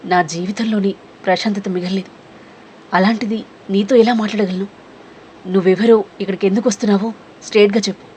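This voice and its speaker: A woman's voice: mid-range voice, fairly even intonation, a little fast, pauses often, a little mellow, a little hiss or hum, natural voice. A woman voicing a defiant, suspicious young woman in a spoken romance story, firing off demanding questions.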